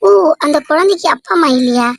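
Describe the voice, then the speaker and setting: A woman's voice: sits high, expressive, quick pace. Woman voicing a stern young cartoon teacher. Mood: complaining. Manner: complaining, firm. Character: young female schoolteacher, stern about her students.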